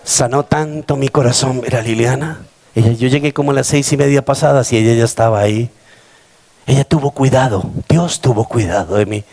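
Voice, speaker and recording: A Colombian pastor in his fifties preaches to his congregation in a husky, gravelly voice of middle pitch. His delivery is dramatic, with big swings in pitch and regular calls out to the church. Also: brisk, a little mellow. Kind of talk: sermon. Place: church service before a congregation.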